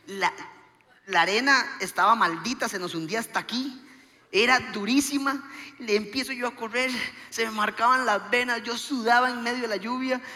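A man doing stand-up storytelling, acting out each line of dialogue in an animated way. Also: extremely high pitch, moderate pace, big-room sound. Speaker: comedian.

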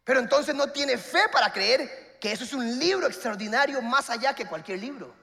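A man, preaching a sermon and telling a funny personal story with animated, acted-out voices. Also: very high voice, moderate pace, creaky, long reverb tail.

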